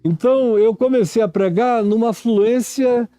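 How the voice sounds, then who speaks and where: A man in his seventies with a Brazilian Portuguese accent, a preacher telling a reflective story in a sermon, unhurried and reminiscing. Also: very high voice, dark tone, no echo, clean studio sound, soft background music. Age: 70s. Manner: slow, unhurried, reminiscing, acts out stammering syllables.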